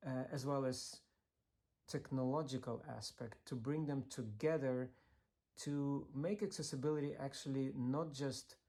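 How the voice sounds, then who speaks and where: A man from Ukraine who works on accessibility, telling his story in a pre-recorded video, earnest and steady, with small fillers. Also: mid-range voice, measured pace. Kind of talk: scripted video talk.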